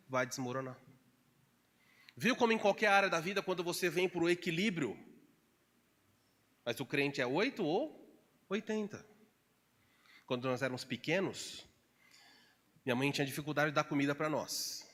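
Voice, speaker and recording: A man's voice: animated, normal speed, long pauses, fairly bright tone, long reverb tail. A man preaching a sermon as pastor in Brazilian Portuguese, asking the congregation questions and jumping into quoted voices. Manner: acts out quoted voices with sudden pitch jumps; conversational, asks the congregation questions. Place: church hall.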